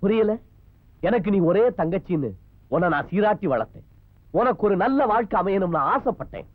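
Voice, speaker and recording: An actor playing a vengeful, domineering elder brother in a film melodrama, menacing and shouting in bursts. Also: male voice, high-pitched, very animated, a little fast, no room sound. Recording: dull lo-fi film soundtrack with music.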